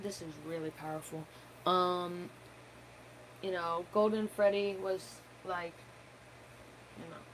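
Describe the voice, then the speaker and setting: A woman's voice: medium pitch, a little hiss or hum, rough recording. Rambling woman streamer full of fillers. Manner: rambling, many fillers and self-corrections. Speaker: gaming channel host. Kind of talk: unscripted live-stream game theory talk.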